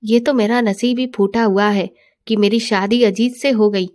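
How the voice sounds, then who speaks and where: A woman's voice: medium pitch, fairly even intonation, normal speed, darkish tone, close to an everyday voice. A woman storyteller voicing a troubled young wife who speaks hesitantly and evasively. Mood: sorrowful. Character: troubled young wife hiding her pain.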